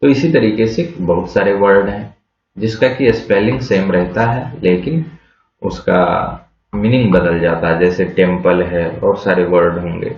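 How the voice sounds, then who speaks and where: Slow, patient man teaching vocabulary. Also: low voice, darkish tone. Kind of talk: slow classroom explanation of root words. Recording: echoey, dull lo-fi room sound.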